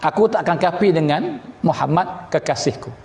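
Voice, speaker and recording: A preacher plays a devout captive who refuses every offer in a low, steady, defiant voice. He speaks with a Patani Malay accent. An echoey hall carries a long reverb behind him. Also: normal speed.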